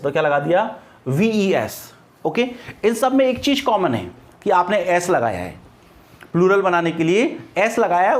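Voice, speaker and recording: A man from India teaching an English grammar lesson, patient and repetitive, spelling words out letter by letter. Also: fairly high pitch.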